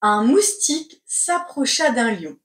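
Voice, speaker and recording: A woman teacher reading a dictation aloud in deliberate, carefully segmented phrases, calling out the punctuation. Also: on the high side, sing-song. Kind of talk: slow read-aloud dictation with repeated phrases and spoken punctuation. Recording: echoey room.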